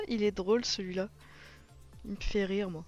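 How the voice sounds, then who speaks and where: A woman with a medium-pitched voice and big swings in intonation speaks at a measured pace while flipping through a colouring book. She comments casually and enthusiastically, exclaiming in wonder. The recording is muffled, with music underneath.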